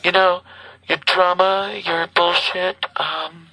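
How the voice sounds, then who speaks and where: Halting woman leaving a rambling voicemail. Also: fairly low pitch, level tone, sharp tone, dry recording, poor audio. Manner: halting, repetitive, aggrieved. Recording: voicemail played over radio.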